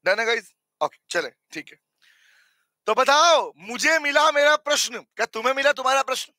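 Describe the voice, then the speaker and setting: A hoarse man teaching a live online accounting class, who quizzes and teases his students in an animated way. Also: extremely high pitch, moderate pace, dry recording.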